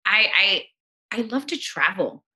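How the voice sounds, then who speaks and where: A woman's voice: mid-range voice, big pitch swings, unhurried, bright, forceful tone. A woman from Los Angeles, a radio co-host, chatting casually and emotionally as a podcast guest, full of "you know what I mean".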